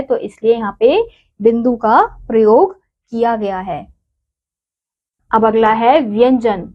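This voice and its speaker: A woman teaches children in a slow, deliberate way, sounding out each syllable before saying the example word. Her voice sits a little high, and she takes her time. The recording is dull and lo-fi. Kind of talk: Hindi grammar lesson for children.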